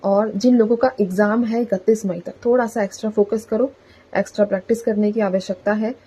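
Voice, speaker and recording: A woman's voice: medium pitch, fairly even intonation, a little fast, warm tone, slightly rough, poor audio. A woman giving a casual collective tarot reading to her viewers, talking in a chatty way and often adding "theek hai" as a filler. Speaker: tarot reader.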